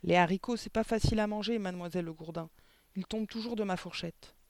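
Man playing a bold small boy in a storybook, calm matter-of-fact replies, dry close sound. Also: sits high, fast talker, dry recording, voice pushed up. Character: bold, cheeky little schoolboy.

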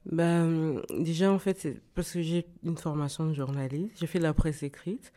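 A woman's voice: deep voice, fairly even intonation, normal speed, dark tone. A woman novelist and former journalist who lives in Kinshasa, answering an interviewer's questions in a hesitant way, with many restarts and repeated words.

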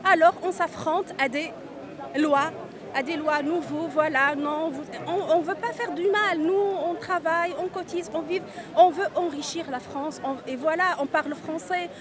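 Crowd noise rises around an undocumented migrant from Tunisia, a woman in her 40s, as she's interviewed at a street march outdoors. She speaks at normal speed in a high-pitched voice, earnestly and with frequent repetitions and restarts.

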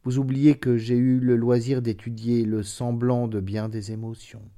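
A man reading the part of a young deaf woman, bitter and despairing, in a soft, sorrowful, measured voice for an audiobook of classic fiction. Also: medium pitch, flat delivery, natural voice.

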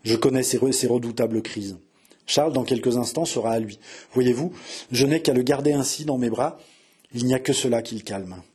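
A man voicing a gentle young woman who soothes and pleads softly. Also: mid-range voice, a little fast, breathy edge. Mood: earnest. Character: Marie Touchet, young woman, tender, soothing mistress.

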